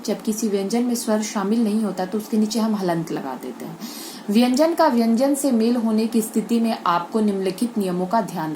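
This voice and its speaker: A woman teacher walks young pupils through a grammar lesson at a mid pitch, setting her own questions and then answering them. She goes one step at a time, with plenty of checks that everyone is following. A faint hiss sits under the recording. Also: dark tone. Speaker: Hindi teacher.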